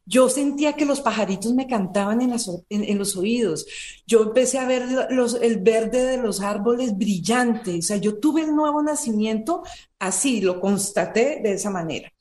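A woman in her forties tells her personal story in an interview, earnest and emotional, circling back and repeating words. Her voice sits a little high. The room has a noticeable echo around her. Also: expressive, normal speed, a little mellow. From Colombia. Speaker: interview guest. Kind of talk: personal testimony in conversation.

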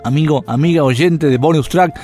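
Over soft music, a male radio preacher gives a devotional message full of rhetorical questions, his fairly high voice lifting and falling with animation. He talks at a normal speed.

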